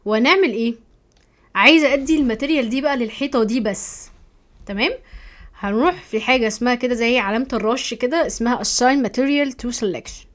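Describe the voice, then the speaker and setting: An Egyptian woman teaching a software course over a screen recording, chatty, often checking in with her viewers. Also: a little high, fast. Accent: Egyptian Arabic. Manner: chatty, keeps asking "تمام؟", thinks aloud while clicking.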